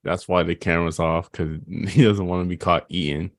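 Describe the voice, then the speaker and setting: A man's voice: low voice, fairly even intonation, fairly quick, slight background noise. A man co-hosting a gaming podcast, joking around and ribbing the others. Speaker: podcast co-host. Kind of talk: casual gaming chat.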